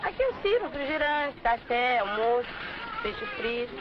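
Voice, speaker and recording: A woman, a beach food vendor answering interview questions in simple, quick replies. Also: high-pitched, very animated. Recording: muffled old film audio with clear hiss.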